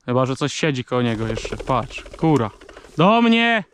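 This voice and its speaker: A man's voice: mid-range voice, fairly quick, a little hiss or hum. A man out hunting, calling short clipped commands to his dogs in the open fields. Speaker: hunter working his dogs. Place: outdoors in rural fields.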